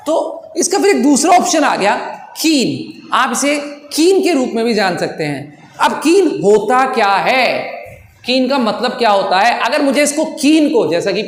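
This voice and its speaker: A man's voice: very high voice, animated, normal speed, slight background noise. Indian man teaching English in an echoey room. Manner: friendly, mixes Hindi and English, repeats and spells words out. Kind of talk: online English lesson. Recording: echoey room with long reverb.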